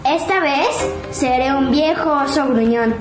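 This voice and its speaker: A woman's voice: high-pitched, unhurried. A woman voicing a kindly mother possum in a children's story, with a motherly, instructive manner. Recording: roomy echo, music bed.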